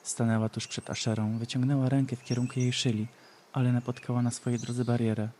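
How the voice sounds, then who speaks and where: Calm male fantasy audiobook narrator. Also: medium pitch, fast talker, slight background noise.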